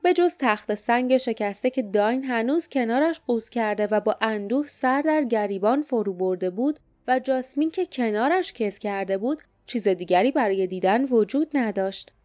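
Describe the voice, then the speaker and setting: A woman narrating an audiobook in a calm, even storytelling manner on a close microphone. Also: a little high, few pauses, no echo. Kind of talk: scripted narration.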